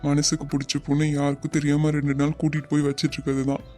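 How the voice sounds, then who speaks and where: A man voicing a cheerful, joking young newlywed in an animated web series. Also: on the high side, rapid-fire, soft background music, close to an everyday voice. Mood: happy. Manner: joking, lighthearted.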